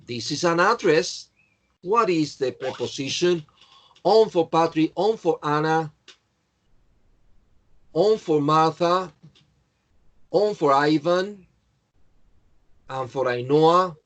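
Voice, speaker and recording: A man's voice: fairly high pitch, slow pace, pauses often. A man teaching an English class, going through answers and correcting students by name in a patient way. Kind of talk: online class, checking answers.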